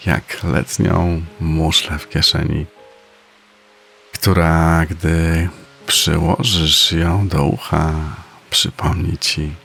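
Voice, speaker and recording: A man narrating a guided meditation in a soft, soothing, unhurried manner with pauses between phrases. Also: extremely low pitch, vocal fry, slight background noise. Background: faint music.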